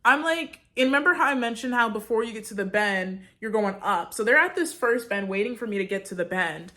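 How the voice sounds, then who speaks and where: A woman's voice: fairly high pitch, animated, brisk, bright, forceful tone. A young woman vlogger casually telling a story, chatty, with lots of "like," acting out her own reactions.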